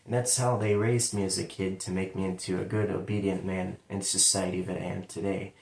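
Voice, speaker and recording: A man from London, Ohio, USA, with a central Ohio accent, recounts his life story in a casual, rambling monologue, sometimes turning an L into a W sound. His voice sits low and is gravelly yet a little mellow, with a level tone and fairly quick pace. The recording sounds roomy and distant from the mic.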